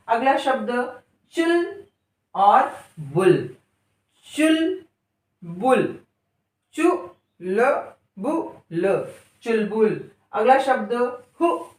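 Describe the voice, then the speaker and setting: A woman teacher leads a reading lesson, drawing out each syllable with patience and stopping often to quiz her listeners. Her voice sits fairly high, and she speaks very slowly. The sound carries a noticeable room echo. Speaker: Hindi teacher. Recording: echoey room.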